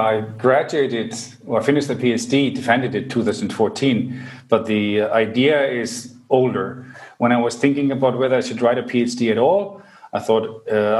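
A man from Iceland, a guest on a podcast, answering questions in a measured way with pauses and restarts. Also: mid-range voice, a little mellow. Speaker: podcast guest, energy branding expert. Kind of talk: conversational interview answers.

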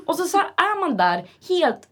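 A woman's voice: extremely high pitch, big pitch swings, fairly bright tone. A woman, listening in casual chat and chiming in with sympathetic remarks. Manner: responsive, sympathetic interjections.

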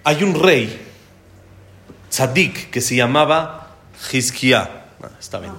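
A man teaching a religious lesson to a live audience, telling stories with animated rhetorical questions. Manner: animated, quick pitch swings, asks rhetorical questions. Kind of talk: sermon-style storytelling to an audience. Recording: echoey room.

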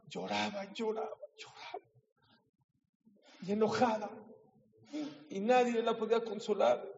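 Impassioned high-voiced rabbi. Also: male voice. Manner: impassioned, swings from soft to loud. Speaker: rabbi teaching a Torah class. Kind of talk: emotional sermon. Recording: echoey hall, dull lo-fi sound.

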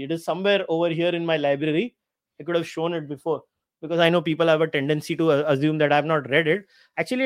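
Indian accent guy doing live commentary, kinda high voice, sarcastic n opinionated, really dry sound. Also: dry recording. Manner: opinionated, sardonic, emphatic. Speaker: host of a commentary live stream. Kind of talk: casual live commentary, reading out quotes and answering viewers.

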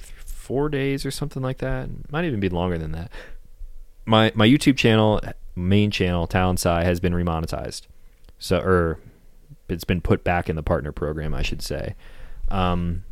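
Deep-voiced laid-back young man. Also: a little mellow, smooth, dry recording, clean studio sound. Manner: laid-back, swears a lot, laughs while telling a story. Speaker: podcast host. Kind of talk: casual chat.

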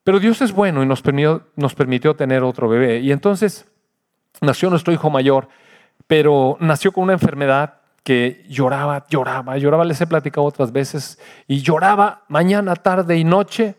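Older male pastor, fairly high voice, earnest testimony sermon that drops from loud to hushed. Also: normal speed.

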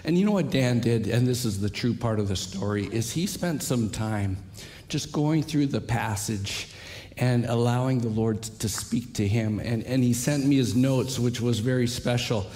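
A man's voice: medium pitch, normal speed, warm tone. A man preaching a sermon in a church while losing his voice, telling stories in a chatty, self-deprecating way. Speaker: pastor. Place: church sanctuary.

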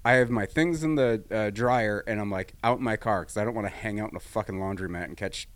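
A man's voice: on the low side, quick pace, no room sound. A man chatting casually as a podcast co-host, swearing as he tells stories about everyday frustrations. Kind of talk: casual chat.

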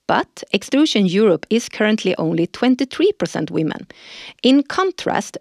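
A woman's voice: mid-range voice, no room sound, studio quality. A woman hosting a corporate podcast who reads prepared lines and agrees with her co-host. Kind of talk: scripted corporate podcast dialogue.

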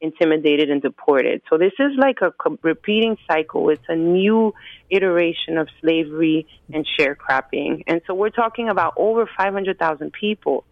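Over a tinny phone line with no room sound, an activist guest from the United States speaks in a low voice with lively intonation at normal speed. In the interview she explains things earnestly and methodically, organizing her points into groups.

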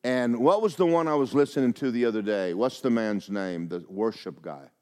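An older pastor delivers a sermon, recounting personal stories in a folksy, animated manner, often restarting and acting out quotes. His voice sits at a medium pitch and moves at a moderate pace.

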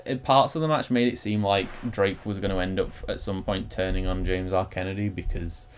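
A man's voice: low-pitched, fairly quick, slight background noise. A man co-hosting a wrestling podcast, chatting casually, laughing often and swearing freely. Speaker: podcast co-host reviewing wrestling. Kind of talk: casual chat.

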